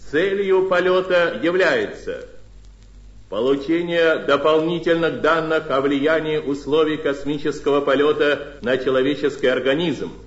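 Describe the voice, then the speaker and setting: A man reading a formal Soviet radio news announcement as a state announcer, in a solemn, stately, measured proclamation. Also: a little high. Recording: dull, echoey archival radio broadcast.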